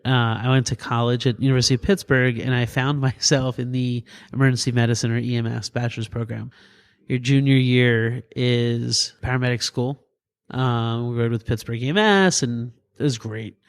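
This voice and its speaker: Animated man telling stories in an interview. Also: clear, resonant tone. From New Jersey. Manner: animated, laughs through stories, quick pitch jumps. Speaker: guest, paramedic and EMS physician. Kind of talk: casual interview storytelling.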